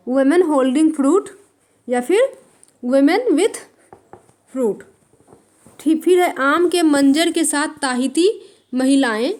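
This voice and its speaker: A woman teaching art for exam prep, writing on a board and repeating terms slowly for students to note down. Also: high-pitched, a little mellow. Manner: writes on a board while dictating.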